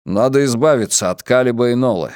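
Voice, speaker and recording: A man reading a book aloud, voicing a ruthless police chief who speaks firmly and slowly. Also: medium pitch, darkish tone, clean tone, dry recording, studio quality, natural voice. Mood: cold. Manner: firm and slow. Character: cold middle-aged police chief, ruthless and commanding.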